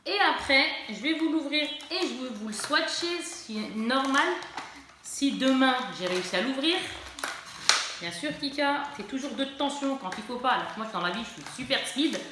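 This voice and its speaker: A woman's voice: sits high, lively intonation, normal speed, background noise. Chatty woman in an echoey room. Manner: chatty, searches for words, self-mocking. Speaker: beauty vlogger. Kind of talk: casual haul video.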